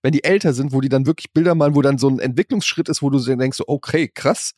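A man's voice: mid-range voice, fast, darkish tone, no echo. Ranting, foul-mouthed man on a dry mic. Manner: crude, ranting, acts out quoted voices. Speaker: podcast co-host. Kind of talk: casual chat.

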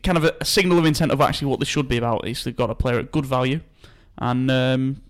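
A man hosting a football transfer podcast in casual chat, talking in quick, halting bursts with many restarts. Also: mid-range voice, fairly even intonation. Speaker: podcast host.

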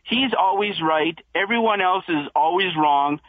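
A man's voice: high voice, measured pace, no room sound. A man calling in to a talk show on speakerphone, rambling and talking over the hosts. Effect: on speakerphone over a phone line. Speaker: caller. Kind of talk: call-in radio talk. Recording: tinny speakerphone call.

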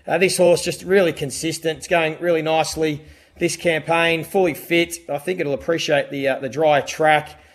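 An Australian man hosts a casual racing panel and offers his own tips. His voice sits a little high for a man, with a relaxed conversational style of delivery. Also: normal speed. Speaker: racing show host and tipster.

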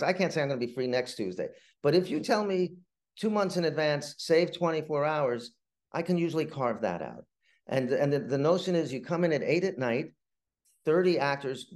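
An interviewed playwright, a man in middle age, tells his stories in a rambling, halting, conversational way, often circling back over the same words. His medium-pitched voice has a darkish tone.

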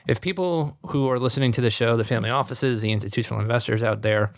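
A man's voice: medium pitch, fast talker, dry recording, clean studio sound. A man hosting a podcast interview over a remote call, upbeat and enthusiastic, leaning on "and so" as he talks. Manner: upbeat, enthusiastic, many fillers like "and so". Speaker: podcast host.

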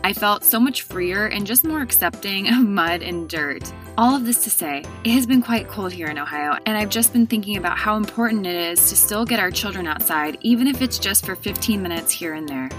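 A woman's voice: medium pitch, expressive, fairly quick, hardly any pauses, a bit bright. Earnest woman podcast host over music. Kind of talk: scripted intro then interviewing.

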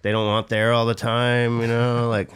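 A middle-aged former pro skater from Southern California, appearing as a podcast guest, tells stories in a rambling, laid-back way, peppered with fillers and swearing. His voice is medium in pitch, level, a bit bright, clear and resonant, at a moderate pace, in a casual interview chat.

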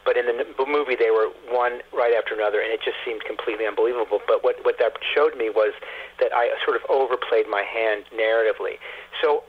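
Talking fast at a medium pitch, a man gives chatty interview answers by phone and tends to repeat words as he explains. Slight background noise is present, and the line is muffled and narrow.

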